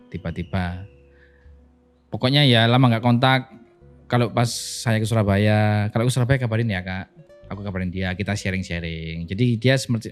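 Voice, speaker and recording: Male pastor, low voice, animated podcast storyteller who acts out quotes.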